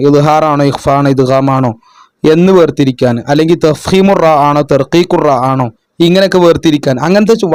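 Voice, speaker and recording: Man, tutor, revision lesson, patient, asks and answers his own questions, fairly high voice, dry close sound. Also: no room sound. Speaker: madrasa tutor.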